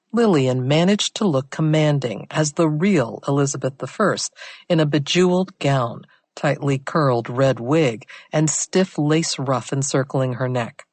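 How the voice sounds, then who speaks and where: A woman narrating a mystery thriller audiobook in a steady, measured way. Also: very deep voice, no echo. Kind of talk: scripted narration.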